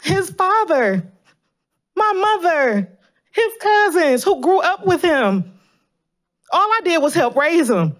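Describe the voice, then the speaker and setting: A woman's voice: extremely high pitch, sing-song, slow pace, pauses often. A woman in her thirties reading a prepared statement at a city council meeting, speaking earnestly and emotionally, at a podium microphone in a large chamber. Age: 30s. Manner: earnest, pleading, emotionally charged. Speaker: public commenter at city council. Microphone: podium gooseneck microphone.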